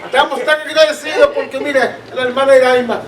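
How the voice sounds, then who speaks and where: In a church room, a man with a Caribbean Spanish accent and a very high-pitched, steady voice teaches an informal Bible class at a brisk pace. He tells anecdotes conversationally and often checks that listeners are following, recorded on a distant, roomy mic with background noise.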